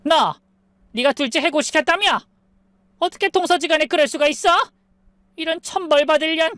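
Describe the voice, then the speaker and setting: Narrator lady doing a loud nagging older mother-in-law, high and sharp, dry sound. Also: moderate pace, no room sound. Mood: furious. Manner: shouting, accusing.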